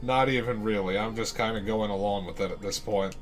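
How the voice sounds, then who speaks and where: A young man in college giving casual, sarcastic commentary while playing a video game, swearing and thinking out loud. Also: lowish voice, fairly even intonation, fairly quick. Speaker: let's play host.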